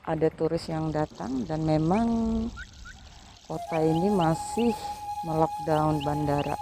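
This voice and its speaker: A woman's voice: low voice, mellow, slight background noise. A woman from Indonesia, vlogging outdoors in a city square and filming herself with a handheld phone, hesitant, with many fillers. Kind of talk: casual vlog narration. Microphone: phone held by hand, no tripod.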